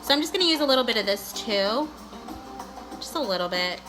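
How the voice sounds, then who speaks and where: Her fairly high voice is animated and brisk as this beauty vlogger chats through a makeup tutorial, gushing and peppering everything with "like" and "guys." Playful exclamations and sing-song moments pop up, and the low-quality recording has music in the background.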